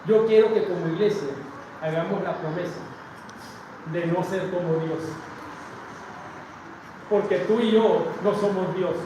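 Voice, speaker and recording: A man with a Mexican Spanish accent preaching a sermon as pastor, swinging between loud declarations and hushed asides, often calling out to his congregation. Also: sits high, unhurried, long pauses. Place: large church sanctuary with a balcony. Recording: very echoey church from far off, noisy.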